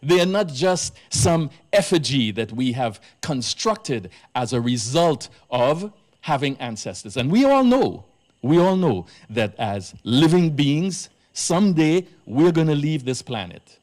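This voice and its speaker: Slow, deliberate man lecturing. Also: a little high, big pitch swings, darkish tone. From Trinidad. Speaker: priest giving a presentation. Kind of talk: public lecture. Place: live event at an arts centre.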